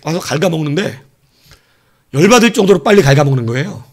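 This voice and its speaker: Animated Korean man preaching a lively sermon. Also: a little high, brisk. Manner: animated, playful storytelling with laughs and sudden quiet asides. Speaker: pastor.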